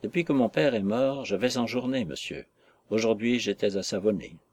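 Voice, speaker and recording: A serious little working girl who talks plainly and politely, earnest beyond her years, voiced by a man reading the story aloud. The voice sits low and a bit breathy, in the manner of an audiobook. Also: lively intonation, normal speed, a little mellow.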